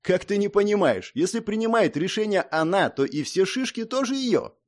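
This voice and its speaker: A cheeky young highlander, put on by a man reading a storybook aloud, speaks in a high, bouncing voice. He teases and lectures with drawn-out exclamations and swaggering confidence. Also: sing-song. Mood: teasing.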